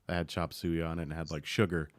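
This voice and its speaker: A man hosting a music podcast interview, relaxed, mostly brief interjections. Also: low voice, fast, no room sound. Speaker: podcast host. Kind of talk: casual interview.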